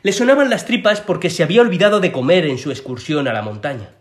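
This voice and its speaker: A man reading a children's story aloud as narrator, in an expressive way. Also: fairly high pitch, fast talker. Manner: expressive, sing-song reading.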